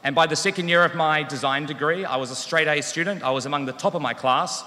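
A man in his thirties with a New Zealand accent, a teacher, delivers a wry, self-deprecating yet earnest graduation speech into a podium mic on a stand. His voice sits on the high side, bright and forceful, and he talks fast. The large hall gives the recording a long reverb.

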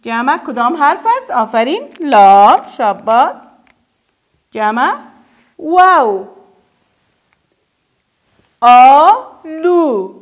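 A woman with an Afghan Dari accent teaching a first-grade reading lesson, stretching out words slowly for children to repeat and praising often. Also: sits high. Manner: drawn-out, emphatic modelling of words for children to repeat; praises often, asks quick questions and answers them herself. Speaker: primary school teacher.

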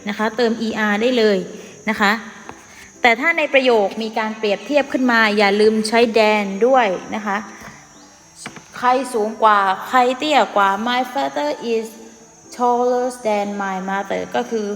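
A woman's voice: a little high, soft background music. Thai woman teaching English in an echoey room. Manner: patient, ends phrases with polite particles, slows to spell out English words. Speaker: primary school English teacher. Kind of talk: online classroom lesson.

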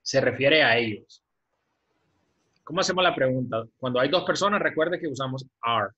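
A man's voice: mid-range voice, expressive, pushed and bright. Patient male teacher on a video call. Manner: patient, repeats words slowly for pronunciation. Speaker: English teacher. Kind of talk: online class, teaching English in Spanish. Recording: dull lo-fi video-call audio.

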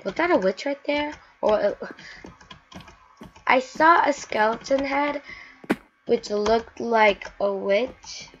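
Excitable high-voiced woman gaming. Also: takes it slowly, pauses often. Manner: excitable, talks to herself, chants repeated words. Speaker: gaming channel host. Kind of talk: live gameplay commentary. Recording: dull lo-fi mic with faint hiss.

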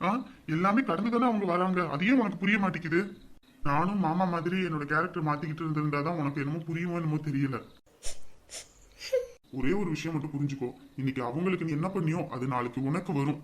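A quick, high-voiced husband played by a man who talks his wife through a family quarrel. His tone stays earnest and reasoning as he lectures her, and he runs through his points at a brisk clip. The voice sits well above the usual male range. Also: natural voice. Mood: earnest lecturing. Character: patient husband gently scolding his wife. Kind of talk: family drama acting.

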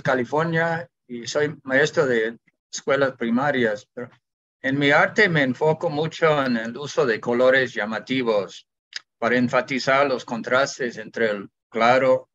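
Brief: middle-aged man, steady self-introduction, muffled lo-fi call sound. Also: medium pitch. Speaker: exhibiting artist. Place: home room. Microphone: video call, close to the camera. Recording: dull lo-fi video call audio.

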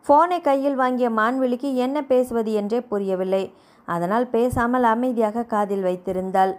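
A woman narrating a novel aloud in a steady storytelling manner. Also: on the high side, moderate pace. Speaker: audiobook narrator.

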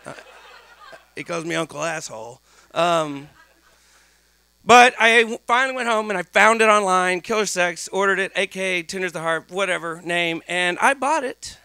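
Middle-aged male stage storyteller, comedic and animated, creaky edge, dry close-mic sound. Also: high voice, normal speed, no echo. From Texas. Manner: animated, acting out dialogue, profane. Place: small dark stage venue, indoors. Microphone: stand microphone, close.

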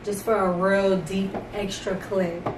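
A woman's voice: mid-range voice, flat delivery, slow pace, distant mic. An upbeat young woman talks casually about her beauty buys, dropping filler words as she goes. She sits back from the mic in a room with a lot of echo, and a faint hum runs underneath. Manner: chatty, upbeat, lots of "like" fillers. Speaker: beauty vlogger. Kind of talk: casual chat.

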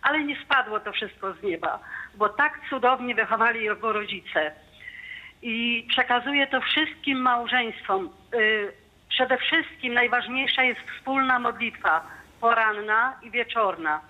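A woman's voice: fairly high pitch, unhurried. A woman in her fifties calling in to a radio show to give a fervent, devout testimony. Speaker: caller. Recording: muffled phone line.

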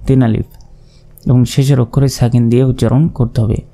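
A man's voice: mid-range voice, steady tone, fast talker, dark tone. A man with a Bangladeshi Bengali accent teaching Quran recitation step by step, patiently spelling out letters and vowel marks and repeating each syllable.

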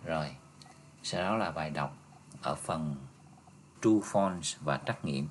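A male teacher goes through an exam review step by step, patient, ending phrases with soft tags. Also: extremely low pitch, slow pace, a little hiss or hum. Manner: patient, explains step by step, ends phrases with "ha" and "nha".

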